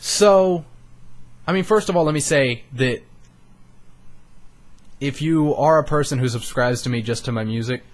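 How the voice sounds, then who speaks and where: He's an eighteen-year-old YouTuber with a mid-range voice, speaking unhurriedly and leaving long pauses. In this candid personal vlog on a studio mic, he rambles somewhat, swears casually and sounds earnest and emotionally raw.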